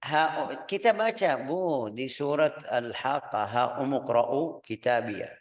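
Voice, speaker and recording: A man, teaching a hadith lesson in an animated, informal way and often mimicking loud calls. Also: medium pitch, slow, reverberant. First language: Arabic. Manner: animated, mimics loud shouting, mixes in Arabic recitation.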